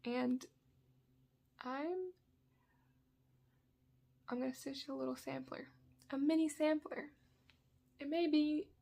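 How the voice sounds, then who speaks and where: A high, vocal-fry voice belongs to a woman chatting casually at home in a sunny spot. She shows off cross-stitch pieces in a rambling, talkative way, backtracking to correct herself, her throat audibly dry.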